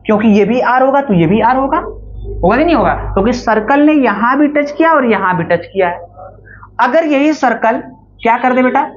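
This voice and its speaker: A male maths teacher lecturing a class, dictating slowly and repeating key phrases, often asking students check-up questions. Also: very high voice. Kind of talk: classroom lecture, mixing Hindi with English terms. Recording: dull audio with faint background noise.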